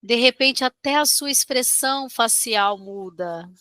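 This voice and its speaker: Brazilian female meditation guide: soothing delivery, higher-pitched and clearly bright, gentle instructions with generous pauses. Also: dry recording, studio quality.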